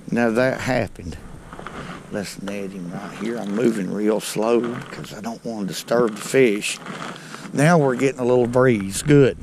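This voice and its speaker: A man's voice: mid-range voice, darkish tone, slight background noise. A middle-aged man with a Southern American accent from North Alabama, chatting unhurriedly to viewers while fishing from a small boat on a lake. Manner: folksy, unhurried, talks to viewers as "folks". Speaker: fishing channel host. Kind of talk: casual fishing commentary. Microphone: head-mounted action camera.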